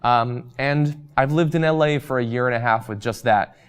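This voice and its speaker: A man's voice: mid-range voice, moderate pace, clean tone. Casual man answering viewer comments. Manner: relaxed, chatty, frequent ums and uhs. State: losing his voice. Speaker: host.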